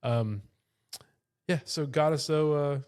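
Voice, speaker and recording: A man co-hosting a podcast, chatting casually and telling stories with lively, animated delivery. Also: fairly high pitch, slow, smooth. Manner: animated storyteller, jumps into playful voices. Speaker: podcast co-host. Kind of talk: casual chat.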